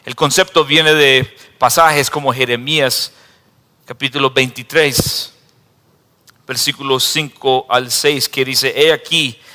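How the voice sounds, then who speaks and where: A man's voice: mid-range voice, steady tone, takes it slowly, pushed and bright, big-room sound. A man preaching a sermon in a church who acts out the people he reads about in raised voices. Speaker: pastor.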